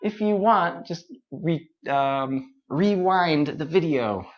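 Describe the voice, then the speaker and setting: A man teaching English pronunciation, slowly repeating each word and switching into now and then. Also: on the high side, highs cut off. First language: Vietnamese. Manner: slow, repeats words, mixes in Vietnamese. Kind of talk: live-streamed pronunciation lesson.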